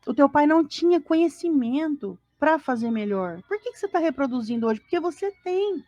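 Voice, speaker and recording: A Brazilian woman co-hosts a live-streamed spiritist gospel study from home, speaking fairly quickly in a high, animated, darkish voice over a dry recording. She teaches informally, asking rhetorical questions and acting out daily-life scenes with different voices and dismayed sighs.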